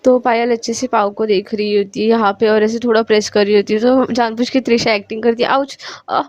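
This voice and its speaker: A woman's voice: a little high, flat delivery, fast, darkish tone, no room sound, highs cut off. A woman casually narrating a love story, chatty and full of asides. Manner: chatty, retelling with many asides.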